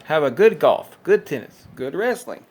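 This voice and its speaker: A man's voice: a little high, big pitch swings, moderate pace, a little mellow, husky. A man hosting a vlog, talking casually in a rambling, offhand way, with plenty of filler words. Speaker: host. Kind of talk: casual commentary.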